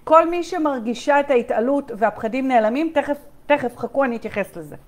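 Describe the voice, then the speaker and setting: A woman's voice: high-pitched, lively intonation. A woman leading a live online coaching session. She talks straight to her listeners, reads their chat replies aloud and keeps checking in with emphatic "okay?"s. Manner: repetitive, emphatic, many "okay?" check-ins.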